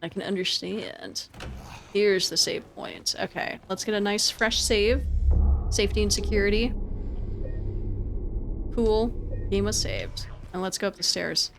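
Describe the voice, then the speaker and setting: Unhurried and marked by vocal fry, this woman's mid-range voice fills long pauses as she streams a game, chatting casually with viewers. She tends to repeat her words and phrases, and there's a lot of noise behind her.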